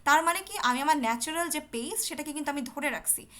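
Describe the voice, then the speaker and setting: A woman's voice: high voice, lively intonation, fast talker, sharp tone. A woman teaching an English speaking test over a video call, explaining patiently and often checking that her students follow. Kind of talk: online teaching session.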